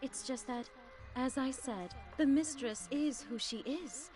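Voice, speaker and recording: A composed maid in an anime game. She speaks in a high, measured, courteous voice with gentle amusement, over faint music. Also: animated. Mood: gently amused. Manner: polite, measured.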